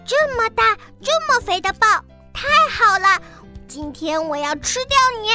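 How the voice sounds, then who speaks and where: Woman doing a greedy squeaky water bird. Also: big pitch swings, normal speed, bright, forceful tone, faint music behind, full character voice. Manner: boastful, threatening. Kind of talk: children's story voice.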